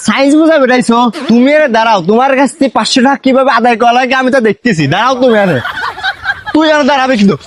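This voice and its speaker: A man's voice: very high voice, very fast, a little hiss or hum. A man playing an exasperated mocking villager. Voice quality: scolding, mocking. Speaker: cheated villager. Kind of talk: comic village drama acting.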